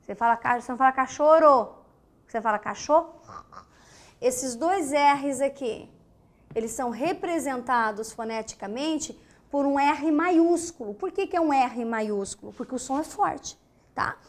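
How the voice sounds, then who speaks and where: A woman teacher with a Brazilian Portuguese accent, giving a lesson on phonetics, asking her students questions and counting letters aloud. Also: high voice. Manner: asks the class questions and counts aloud slowly; sounds out letter sounds in short breathy bursts. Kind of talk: classroom lesson explaining phonetics.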